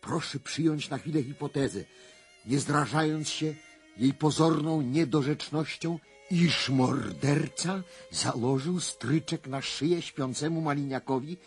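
In a radio drama, a male actor with a fairly high-pitched, husky voice plays a self-assured, probing clairvoyant investigator. His delivery is formal, deliberate, and emphatic.

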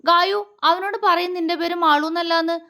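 A woman's voice: extremely high pitch, fairly even intonation, normal speed, sharp tone, pitched above the performer's own voice, exaggerated voice. A woman voicing a childlike, easily hurt young man in a storybook, speaking in a pleading way.

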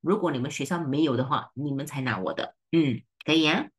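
Woman tutor, Malaysian Mandarin accent, low voice, brisk and teasing, switches between languages. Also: husky. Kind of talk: online seminar lesson.

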